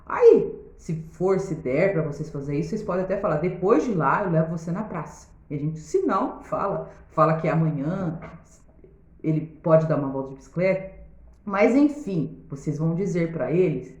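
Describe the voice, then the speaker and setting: A woman's voice: deep voice, lively intonation, normal speed, darkish tone. A woman with a Brazilian Portuguese accent, a pedagogue giving parenting tips in a casual video, talking straight to viewers and often checking in with them. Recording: roomy, slightly dull sound.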